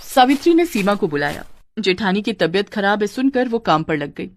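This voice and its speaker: A woman narrating a cartoon family story in a plain, even storytelling voice. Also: mid-range voice, normal speed, a little hiss or hum.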